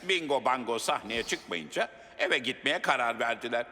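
A man voicing a kindly, dignified and expressive king in a children's cartoon dub. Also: mid-range voice, moderate pace, vocal fry. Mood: regretful. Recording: music under the voice.

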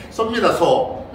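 Speaking in a high-sitting voice, an elderly Buddhist monk keeps quizzing his congregation during a playful Dharma talk. The recording is very noisy, captured from a distance in a hall with heavy echo.

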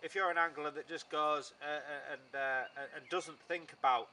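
A man in his thirties with a slightly high, sharp, steady voice presents a casual fishing chat at normal speed, interviewing a fellow angler outdoors on a pebbly shore. He agrees readily and prompts with short questions. The outdoor recording is faintly noisy.

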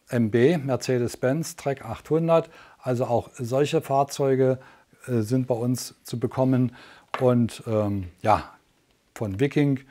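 A man in his sixties with a soft-edged, mellow voice at an average pitch. He hosts an infomercial-style sales show, chatting to viewers as he works through the products. His delivery is unscripted and conversational, with some searching for words. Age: 60s. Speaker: teleshopping host. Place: indoor studio, standing at a product table.

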